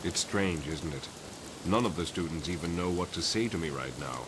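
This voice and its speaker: An actor playing an older, guilt-ridden professor in a motion comic, speaking in a grave, measured, eloquent way. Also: male voice, sits low, noisy background, natural voice. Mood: despairing. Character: weary, guilt-ridden older male professor and mutant mentor.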